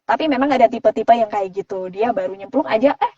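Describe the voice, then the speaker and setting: A fairly high-voiced woman voice-over artist talks casually and explains with examples. She sounds set back from the mic in a dry space. The sound is dull and muffled. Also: quick pace, mellow, no room sound, far from the mic.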